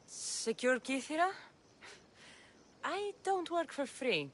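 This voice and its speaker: A woman's voice: high voice, very animated, slow, a little hiss or hum, heavily acted. A woman voicing a tough, impatient female mercenary in a video game, with a curt, commanding way of talking. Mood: skeptical. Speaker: game protagonist.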